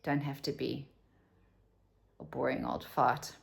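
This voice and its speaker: Speaking in a very deep, level voice with vocal fry, this South African vlogger in her 50s takes her time. She chats candidly to camera from home, wandering off topic and dropping to a whisper for side comments.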